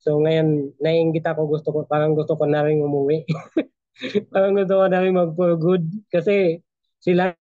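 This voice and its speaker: Male guest, slightly high voice, hesitant, filler-heavy, lo-fi dry call sound. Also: little pitch movement, no echo. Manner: halting, hesitant, many fillers. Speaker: guest speaker in a team meeting. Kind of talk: casual testimonial on a video call.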